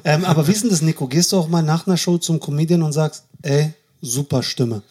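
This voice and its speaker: A man's voice: a little high, fairly even intonation, rapid-fire, dark tone. A man in a casual podcast chat who asks questions and cracks dry jokes. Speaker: podcast co-host.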